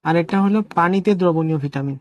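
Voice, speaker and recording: Speaking at a quick pace in a slightly high voice, a male teacher leads an online class in Bangla sprinkled with English words. He walks through the material step by step, posing questions and then answering them. The recording's highs are cut off.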